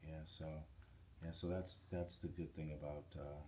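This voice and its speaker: His voice is extremely deep and moderately paced, with a crowd audible behind him. This middle-aged man, guesting on a podcast, chats loosely about operating a radio station, restarting frequently, in an echoey room with faint background noise.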